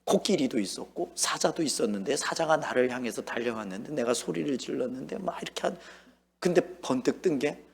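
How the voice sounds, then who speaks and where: A man's voice: medium pitch, animated, fairly quick, gravelly, husky. Man preaching in a reverberant church. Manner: storytelling, acting out his own lines and shouts. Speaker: pastor. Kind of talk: sermon. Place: church sanctuary. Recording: long hall reverb.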